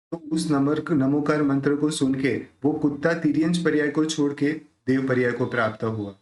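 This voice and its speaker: A man teaching correct pronunciation of a devotional hymn: he explains each word, then recites it slowly and repeats it. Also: mid-range voice, a little mellow. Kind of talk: pronunciation lesson. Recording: echoey room.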